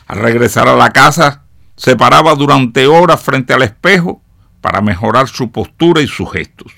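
A man, a radio educator, telling a motivational story to his listeners in slow, emphatic declamation. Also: mid-range voice, creaky, bright, forceful tone, no echo, studio quality.

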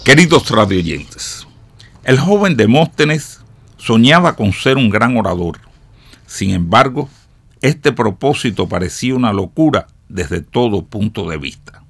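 A man, a radio educator, telling a motivational story to his listeners in slow, emphatic declamation. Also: medium pitch, sing-song, a bit bright, no echo.

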